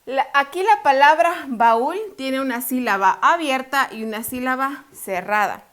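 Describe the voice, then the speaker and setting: A woman teacher with a slightly high voice walks through a lesson step by step. She poses questions to the student and answers them herself, drawing out syllables to make a point. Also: fairly bright tone. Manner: explains step by step, asks and answers her own questions; slows down to stress syllables. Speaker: Spanish teacher. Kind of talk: online lesson.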